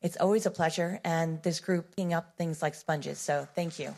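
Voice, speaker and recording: Low-voiced woman moderating a session. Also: fairly even intonation, moderate pace, vocal fry, a little mellow, a little hiss or hum. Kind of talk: wrapping up a conference session.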